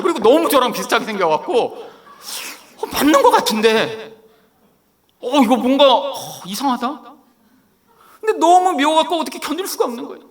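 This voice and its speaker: A middle-aged Korean man preaching a sermon, telling a personal story in an animated way and acting out the lines he quotes. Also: extremely high pitch, creaky. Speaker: pastor.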